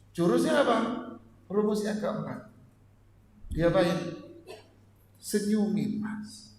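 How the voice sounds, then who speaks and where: A male religious teacher giving a joking, lively marriage lecture to an audience. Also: a little high, slight background noise. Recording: echoey hall, faint ambience.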